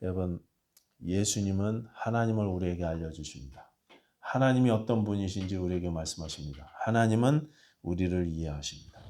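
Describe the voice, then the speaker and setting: Male pastor, lowish voice, storytelling sermon full of rhetorical questions, hushed-to-raised dynamics. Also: a little fast. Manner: swings between hushed and raised emphasis.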